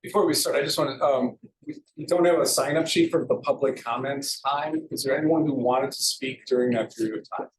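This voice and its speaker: A meeting chair calling a town board meeting to order and asking for public comments, speaking informally and haltingly. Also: medium pitch, echoey room, slight background noise, rough recording. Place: meeting room.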